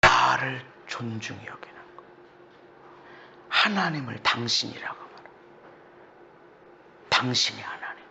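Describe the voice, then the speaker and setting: A man's voice: mid-range voice, animated, measured pace, creaky, long pauses, pushed and bright, slight background noise. A male pastor preaching a sermon emphatically, with many rhetorical questions, heard on a slightly dull, lo-fi recording.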